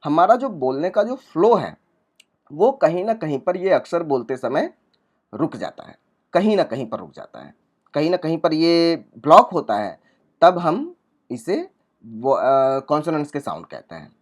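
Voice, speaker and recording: A man's voice: on the high side, big pitch swings, measured pace. Guy giving an english pronunciation lesson, voice bounces up and down a lot, says every sound twice. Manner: explains step by step, repeating each sound and example word; reads notes from a laptop below him while teaching. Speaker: English teacher.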